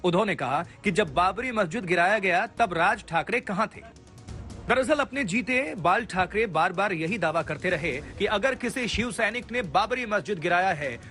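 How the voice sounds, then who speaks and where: A man's high voice, pushed and bright, carries scripted television news narration for a video package. The reporter reads it in an emphatic, dramatic style over a music bed.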